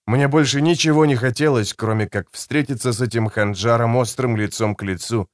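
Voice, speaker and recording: A man's voice: medium pitch, fairly quick, dry recording, clean studio sound. A male narrator reading a first-person action audiobook with tense, dramatic storytelling.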